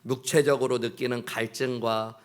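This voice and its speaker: A man's voice: mid-range voice, fairly even intonation, moderate pace. A male pastor preaching a sermon in church, earnest, acting out prayers and bits of dialogue. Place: church sanctuary.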